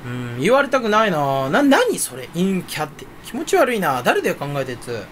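A young man rambling in a casual solo chat from his room at home, self-mocking and jumping between topics with sudden loud bursts. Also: high-pitched, wildly swooping pitch, moderate pace, a little hiss or hum. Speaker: streamer chatting solo.

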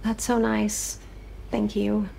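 An actress in her thirties playing a tender, tired mother in a naturalistic film drama, speaking softly. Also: mid-range voice, flat delivery, slow, a little hiss or hum, poor audio. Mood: friendly, tired. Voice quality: soft, breathy hush. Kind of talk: naturalistic screen acting. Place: rooms of a house.

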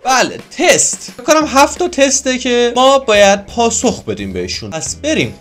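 A man hosting a reaction video in casual commentary, bragging jokingly about how smart he is and teasing himself, with sudden excited outbursts. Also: very high voice, faint music behind. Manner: mock-boastful, joking and self-teasing.

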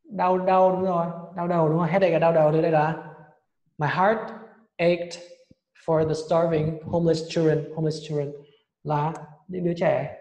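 A man teaching English vocabulary and correcting a student's pronunciation in a brisk, prompting way. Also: fairly high pitch, level tone, a little mellow. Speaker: English tutor. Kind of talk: vocabulary lesson with drills. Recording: echoey room with long reverb.

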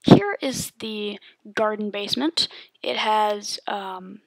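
A woman's voice: mid-range voice, slow pace, vocal fry, dry recording. Woman rambling through a game tour. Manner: relaxed, rambling with many ums. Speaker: gamer giving a world tour. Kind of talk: casual game tour narration.

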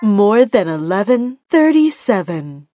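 Very slow, lilting female bingo caller. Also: mid-range voice, very animated, warm tone. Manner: deliberate, announcing in short separate phrases. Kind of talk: bingo calling with rhyming nicknames, announced number by number. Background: music.

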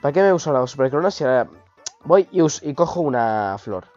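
An excitable man streams live gameplay, his voice hoarse from a cold. His pitch bounces widely as he swears and yelps at the game. The dull, lo-fi audio carries faint game music underneath. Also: quick pace.

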